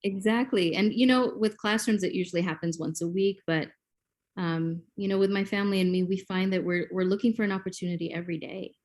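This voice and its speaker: Speaking briskly with a steady, darkish, medium-pitched voice, this Kenyan woman in her forties is a guest in a podcast interview. She is a native Swahili speaker and explains things as a classroom teacher might, with many ums.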